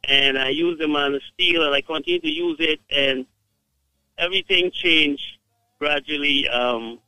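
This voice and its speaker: Bright-voiced male caller from Guyana. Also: fairly high pitch, measured pace, dry recording, rough recording. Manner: hesitant, polite, with many fillers. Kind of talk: phone-in testimonial.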